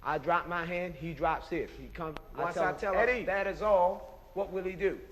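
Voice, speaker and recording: High-pitched male military instructor, reverberant hall. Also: normal speed, a bit bright. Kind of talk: step-by-step procedural teaching.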